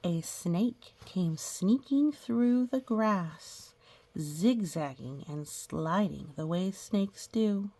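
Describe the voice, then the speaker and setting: Husky, slow-paced woman reading to children. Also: on the low side, animated. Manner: gentle, instructive, pausing to explain and ask questions. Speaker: children's story reader. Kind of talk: read-aloud picture book with casual asides to young children.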